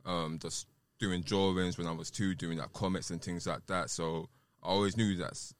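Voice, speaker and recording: A man with a deep voice and a South London roadman accent talks as a guest in a casual interview. His speech is informal and loosely rambling, full of street slang. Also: level tone, normal speed, no room sound. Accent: South London, urban roadman. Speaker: podcast guest, rapper and producer.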